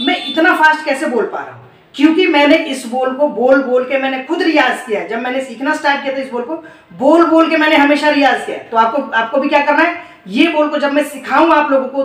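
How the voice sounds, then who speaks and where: High-voiced man teaching dholak. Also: a bit bright, roomy sound, distant mic. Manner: reciting drum syllables in quick rhythmic bursts; encouraging, addressing viewers as friends. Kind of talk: instructional video. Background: dholak drumming.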